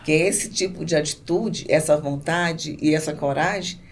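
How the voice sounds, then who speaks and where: A Brazilian business owner with a low-pitched voice speaks at a moderate pace as a podcast interview guest. Conversational and emphatic, she often repeats herself for stress, and background noise is clearly audible.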